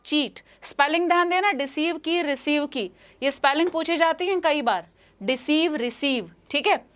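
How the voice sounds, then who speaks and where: High-voiced Indian woman teaching English. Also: moderate pace, fairly bright tone. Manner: repeats questions and answers, calls students "beta". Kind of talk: live online exam-prep lesson.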